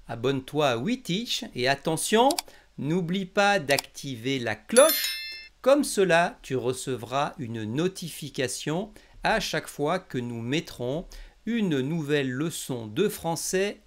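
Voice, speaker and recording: A man's voice: a little high, big pitch swings, slow pace, slight background noise. A man from France teaching in a scripted language lesson, articulating every word with exaggerated care. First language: French. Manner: over-enunciated, carefully articulated. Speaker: French teacher, lesson host.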